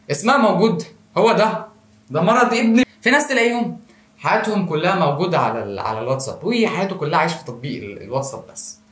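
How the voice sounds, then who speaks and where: Egyptian guy doing a rapid-fire comedy monologue into his phone, echoey room. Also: on the high side, a bit bright. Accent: Egyptian Arabic. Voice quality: jokey, self-mocking asides. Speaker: comedy show host. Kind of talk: comic monologue to camera. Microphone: phone camera. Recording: roomy echo.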